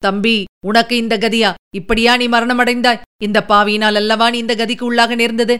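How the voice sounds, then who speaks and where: A woman's voice: on the high side, level tone, moderate pace, fairly bright tone, clear, resonant tone, natural voice. A woman voicing a scheming older male Buddhist monk, sharply questioning in a storybook reading. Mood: grieving. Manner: questioning, then wailing in grief.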